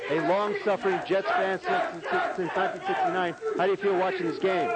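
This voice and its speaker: A male field reporter speaks in a high voice on a live report. A loud crowd and heavy noise fill the bar around him. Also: fairly even intonation, fairly quick.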